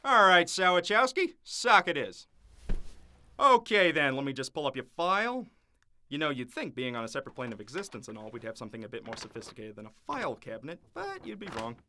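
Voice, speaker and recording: Man doing a cartoon devil boss, punning, exasperated, bright tone, swooping pitch. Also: big pitch swings, brisk, a little hiss or hum, exaggerated voice. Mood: wry. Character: fast-talking harried male devil boss. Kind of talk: animated short voice acting.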